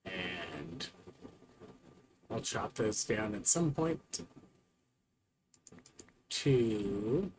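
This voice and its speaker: A man's voice: fairly low pitch, expressive, very slow, pauses often, darkish tone, a little hiss or hum, poor audio. A man casually commenting on his own gameplay, rambling and talking to himself with frequent fillers. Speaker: streamer.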